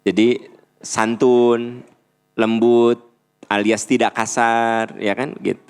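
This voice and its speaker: A middle-aged man with a Sundanese accent giving a playful, animated religious lecture as a preacher. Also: mid-range voice, takes it slowly, smooth. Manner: animated, playful, acts out little dialogues. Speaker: Islamic preacher.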